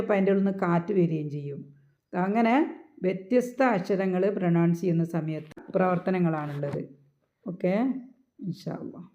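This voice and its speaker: A woman with a low, mellow voice teaches Quran recitation step by step. She asks questions and answers them herself, and drops English terms into her explanations. The recording sounds dull and lo-fi. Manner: soft, devout closing prayers. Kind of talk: online tajweed lesson.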